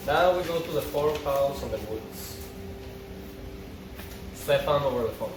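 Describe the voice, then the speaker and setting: At a casual script table read, a man with a mid-range voice reads stage directions and dialogue a little slowly, stumbling over the written words and adding side comments. The very echoey recording comes from a distant mic, with background music and noise.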